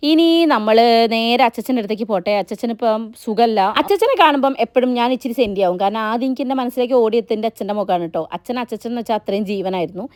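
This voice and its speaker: A woman's voice: fairly high pitch, rapid-fire, a little mellow, no room sound, clean studio sound. A woman, chatting casually and rambling as she narrates a family vlog. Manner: chatty, rambling, frequent "ttoo" tags. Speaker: vlogger.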